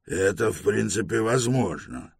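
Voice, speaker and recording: A man voicing a raspy, argumentative older male scholar in an audiobook. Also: lowish voice, expressive, a little slow, no room sound, studio quality, voice pushed up, full character voice. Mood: insistent.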